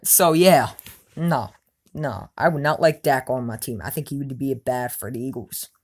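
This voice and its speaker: In a casual vlog, a woman answers viewer questions with an opinionated sports fan rant at a moderate pace. She speaks emphatically, keeps asking "you know what I'm saying," and swings between loud outbursts and low mutters.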